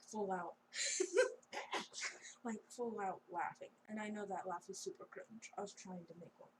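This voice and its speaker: A woman's voice: mid-range voice, noisy background. A young woman improvising a fan story in a rambling, giggly, chatty way. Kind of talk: casual improvised story narration.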